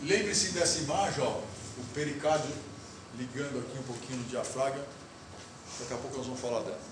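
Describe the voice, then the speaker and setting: A male lecturer talks a class through a lesson, pausing to put questions to the students as he draws. He is caught from the back of a big, echoing lecture hall. A steady hiss of noise sits under his voice. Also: medium pitch, recorded from a distance. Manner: explains step by step while drawing on the board, asks the class questions. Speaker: university lecturer. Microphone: recorder far off in the room. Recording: echoey hall recorded from afar, noisy.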